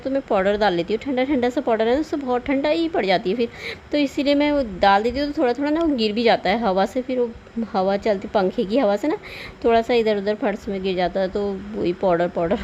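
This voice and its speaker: A chatty woman talking through her household chores in a relaxed vlog voice-over. Her pitch sits in an ordinary middle range. She laughs lightly now and then, and a faint hiss of noise runs underneath. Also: dull audio. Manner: chatty and homely, frequent little laughs and tag questions. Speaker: home vlogger. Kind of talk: casual voice-over narration of housework.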